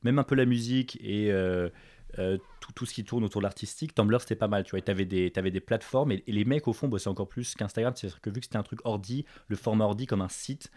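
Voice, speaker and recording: Un jeune homme de Paris, invité d'un podcast, qui raconte son parcours sur un ton détendu, avec beaucoup d'hésitations et de reprises. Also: male voice, fairly low pitch, fast, dry recording. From Paris, France. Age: young adult. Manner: relaxed, full of fillers and restarts. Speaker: podcast guest, entrepreneur. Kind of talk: casual interview chat.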